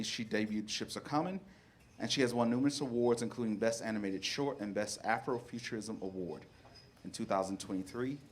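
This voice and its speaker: Low-voiced man reading an introduction. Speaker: event host introducing a speaker. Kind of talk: scripted biographical introduction read aloud.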